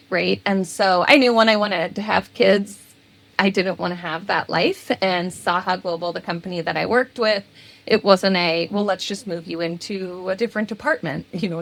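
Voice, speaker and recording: A woman in her thirties answering interview questions as a guest, animated and laughing now and then between phrases. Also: on the low side, vocal fry. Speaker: guest, people and culture executive.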